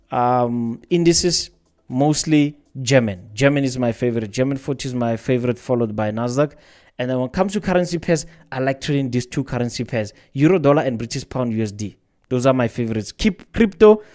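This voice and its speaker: A man's voice: mid-range voice, a little mellow. A man hosting a trading livestream, talking casually and rambling, often repeating his words while answering viewers' questions. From South Africa.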